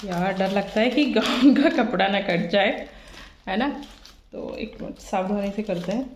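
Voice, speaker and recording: A woman's voice: mid-range voice, a little slow. A woman vlogger chatting casually to her viewers while unboxing something at home. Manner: chatty, addresses viewers directly. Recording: echoey room with background noise.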